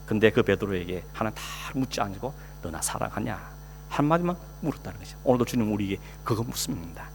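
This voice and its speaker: A male pastor preaching a sermon in a conversational way, asking the congregation questions and acting out quoted speech. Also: mid-range voice. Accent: Korean. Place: church sanctuary. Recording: long hall reverb, faint hum.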